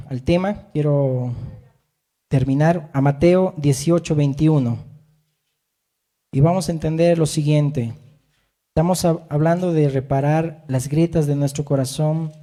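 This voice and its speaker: A man's voice: on the high side, mellow. A man preaching a sermon as pastor, emphatic, rising and falling, with frequent amens.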